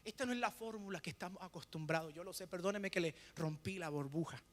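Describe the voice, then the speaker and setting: A male pastor preaching a sermon, asking rhetorical questions and pausing for the congregation to fill in the answer. He swings between hushed lines and loud, emphatic bursts. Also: high voice, in a large hall. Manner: preaching with rhetorical questions and call-and-response pauses.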